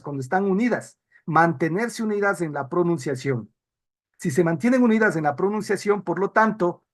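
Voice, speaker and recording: A man teaching an online class, explaining rules and putting questions to students over a video call. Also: high-pitched.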